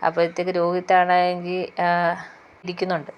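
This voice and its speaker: A woman's voice: lowish voice, monotone, brisk, smooth. A woman casually retelling a TV serial episode, rambling on with fillers and repeated "she says" tags.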